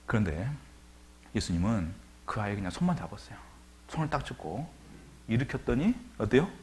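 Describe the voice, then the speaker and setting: Korean male pastor preaching, low voice. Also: very animated, normal speed. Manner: dramatic retelling, rhetorical questions, varied loudness. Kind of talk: sermon.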